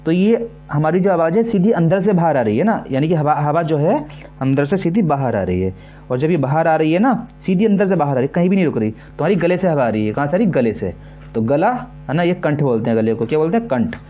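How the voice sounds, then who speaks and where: Man, fairly high voice, exam tutor, repetitive, syllable drills, dull lo-fi sound, faint music. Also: big pitch swings. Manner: repetitive, keeps asking "है ना" and "ठीक है"; sounds out syllables slowly to demonstrate. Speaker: teacher. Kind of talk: exam-prep lesson.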